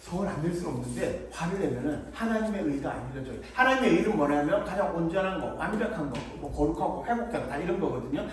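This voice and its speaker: A man's voice: a little high, animated, fast talker, hardly any pauses, a little hiss or hum. A man giving a children's sermon at a church, playful and acting out little scenes, picked up from a distance in a church hall. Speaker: children's preacher. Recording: echoey room, mic far off.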